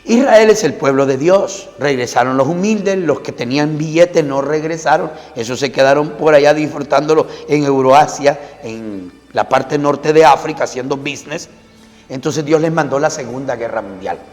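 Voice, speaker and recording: Male pastor, sermon, lecturing, rhetorical questions, slightly high voice, long hall reverb. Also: normal speed, a little mellow.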